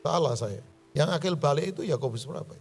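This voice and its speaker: A male pastor preaching with a high, bright-pitched voice that swings widely up and down. His delivery is colloquial and lively, and it rises into loud, emphatic outbursts. Faint music plays behind him in the church hall. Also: quick pace. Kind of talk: sermon.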